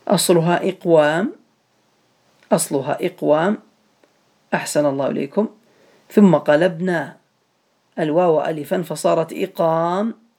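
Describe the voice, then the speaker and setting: A man's voice: on the high side, moderate pace, long pauses, a little mellow. A man teaching a grammar lesson to a class, patiently repeating each step and calling on students by name.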